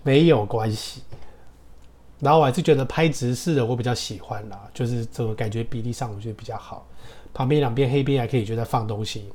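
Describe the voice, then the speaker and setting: A man with a Taiwanese Mandarin accent teaching English casually, drilling words slowly and laughing as he goes. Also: medium pitch, a little mellow, slightly rough. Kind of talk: casual podcast English lesson. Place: hot room with motorbike traffic outside.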